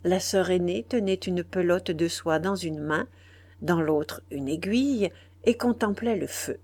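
Slow, low-voiced woman narrating a novel. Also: a little mellow, dry recording. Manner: measured, unhurried storytelling. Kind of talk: audiobook reading of a classic novel.

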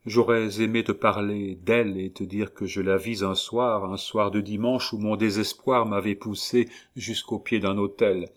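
Heartbroken young man, low, sorrowful and tender, read by the narrator. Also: fairly even intonation, measured pace, few pauses, close to an everyday voice. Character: despairing young man in love.

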